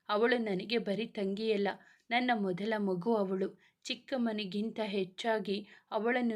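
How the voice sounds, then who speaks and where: A woman's voice: medium pitch, lightly acted. A woman reading as a scolding big brother. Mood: affectionate. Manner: scolding, affectionate. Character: protective young man, scolding older brother. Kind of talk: storybook reading.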